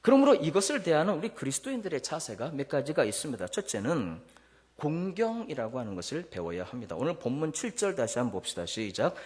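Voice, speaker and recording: A man's voice: very animated, fast, a little mellow, in a large hall. A male pastor preaching a Sunday sermon, questioning the congregation and acting out family quarrels. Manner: mimics quarrelsome family voices in high shrill bursts. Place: church sanctuary.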